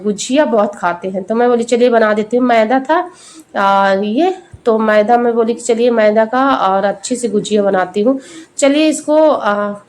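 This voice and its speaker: A young adult woman chatting through a homemade cooking vlog, talking straight to her viewers. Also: a little high. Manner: chatty and homely, addressing viewers directly. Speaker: cooking vlogger. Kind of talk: casual cooking vlog narration.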